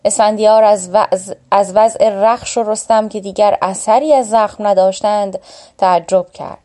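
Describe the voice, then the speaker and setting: A woman narrating a classic epic tale in a steady, plain storytelling voice. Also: mid-range voice.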